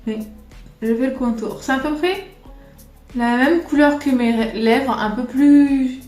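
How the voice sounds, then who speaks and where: A woman's voice: sits high, slow, a little mellow. Woman from France, casual makeup vlogger; rambling, self-deprecating, roomy sound with faint music. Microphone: camera on a tripod.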